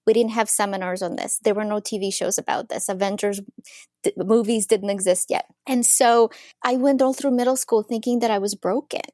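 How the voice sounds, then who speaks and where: A woman from Ukraine in her thirties, a psychologist telling her story as a podcast guest in an eager, lively way. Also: medium pitch, brisk, no echo, studio quality. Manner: warm, eager storytelling with frequent laughs. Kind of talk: casual interview.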